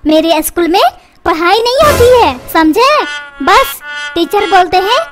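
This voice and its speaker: एक महिला कार्टून में बदतमीज़, मुँहफट स्कूली लड़के की आवाज़ दे रही है, जो पलटकर जवाब देता है।. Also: female voice, extremely high pitch, expressive, a little slow, soft background music. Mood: cheeky. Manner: sassy, talks back, threatens. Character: cheeky rude cartoon schoolboy son. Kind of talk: comedy cartoon dubbing.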